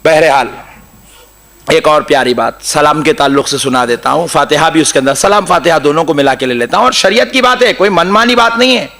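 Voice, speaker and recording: A man's voice: on the high side, a little fast, bright, forceful tone. A man with a Hyderabadi Urdu accent giving a humorous sermon, telling stories, mimicking others and chanting Quran passages. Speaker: preacher.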